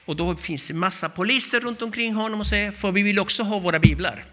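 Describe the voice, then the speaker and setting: A man preaching a sermon, telling a story with animated, acted-out voices. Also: sits high, a little hiss or hum.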